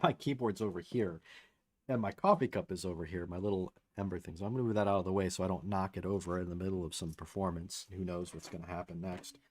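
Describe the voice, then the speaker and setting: A man hosting a casual livestream from his home studio, talking loosely with lots of fillers while a saxophone warms up. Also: low-pitched, fairly even intonation, fast talker. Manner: loose and rambling, many fillers. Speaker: livestream host and musician. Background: saxophone warming up.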